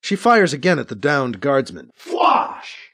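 Expressive male audiobook narrator. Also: a little high, moderate pace, dry recording, clean studio sound.

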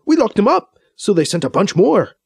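A man voicing an excitable, jokey male scientist who loves old science fiction, in an audiobook read with a high, bursting delivery. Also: moderate pace, gravelly, slightly rough, no echo, clean studio sound, heavily acted. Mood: defensive.

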